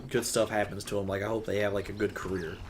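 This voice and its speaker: A man's voice: on the low side, little pitch movement, fast. A young man with a sore, scratchy throat, rambling and swearing casually as a host while he plays a game. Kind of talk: casual chat while gaming.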